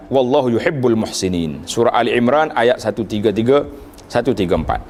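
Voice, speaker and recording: A man giving a religious lecture, reciting Arabic verses and rising sharply in pitch for emphasis. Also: a little mellow, slight background noise. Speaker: preacher.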